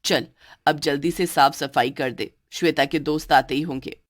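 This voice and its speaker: A woman's voice: deep voice, fairly even intonation, normal speed, voice pushed down. A woman voicing a bossy older mother-in-law in a cartoon story who gives orders and scolds. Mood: scolding. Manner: commanding, scolding. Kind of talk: cartoon voice acting.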